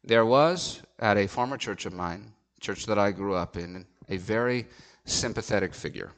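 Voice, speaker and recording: A man's voice: fairly low pitch, animated, moderate pace. A man, a pastor, telling a story from the pulpit in an earnest, emphatic sermon.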